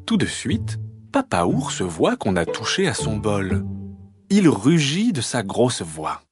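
A man reading a children's story aloud in an expressive, lilting storyteller's voice. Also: lowish voice, takes it slowly, over music.

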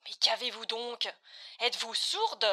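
An actress plays an impatient questioner who sighs and grows exasperated as she repeats herself. Her voice sits high, bright and sharp, in a surreal comic sketch. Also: expressive, unhurried, exaggerated voice. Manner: exasperated, sighing, increasingly irritated. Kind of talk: surreal comic dialogue acting.

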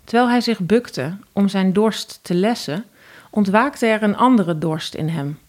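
Dutch lady reading a fairy tale, calm steady narration. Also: mid-range voice, measured pace. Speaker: storyteller.

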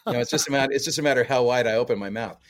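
A man's voice: medium pitch, racing. A man who grew up in Canada, a guest musician chatting easygoingly with fillers and frequent laughs. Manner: easygoing, laughs often, many fillers and restarts. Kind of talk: casual interview chat.

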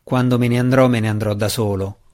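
A man voicing a calm, resolute young male dark elf in an audiobook, speaking in a measured way. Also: mid-range voice, lightly acted. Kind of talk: audiobook character reading.

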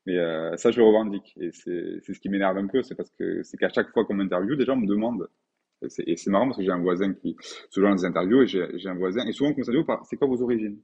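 Low and a little mellow but slightly rough, the voice of this French painter in his forties moves at a quick pace. He's a casual, reflective interview guest who hesitates, restarts, and fills gaps, captured in lo-fi sound.

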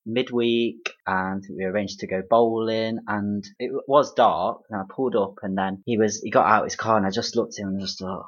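A man's voice: on the low side, steady tone, moderate pace, few pauses, dull audio. A young man with a Derby, East Midlands accent, chatting casually as a guest about his dating life. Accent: East Midlands English, Derby. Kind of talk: casual chat, telling dating stories.

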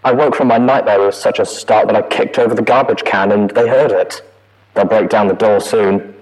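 A man voicing a terrified young mare trapped behind a door, heard as a distant audio log with a loud, strained voice. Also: on the low side, steady tone, normal speed, lightly acted. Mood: desperate.

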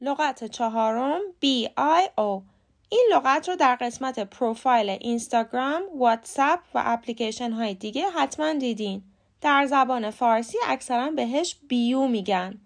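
Female podcast teacher, a somewhat high voice, who spells words out slowly in a short scripted lesson. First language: Persian. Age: adult with a young son. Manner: clear, measured, spells words out letter by letter. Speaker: podcast host, English pronunciation teacher.

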